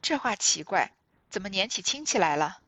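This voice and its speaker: A woman voicing a flustered married noblewoman who tries to laugh things off and smooth them over. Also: medium pitch, big pitch swings, moderate pace, bright, forceful tone, dry recording, exaggerated voice. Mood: placating. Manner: laughing it off, appeasing.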